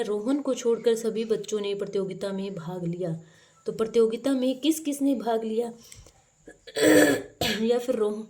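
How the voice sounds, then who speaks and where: Female teacher, mellow and warm, reads a worksheet question then explains the answer step by step. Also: medium pitch. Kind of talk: workbook lesson explanation.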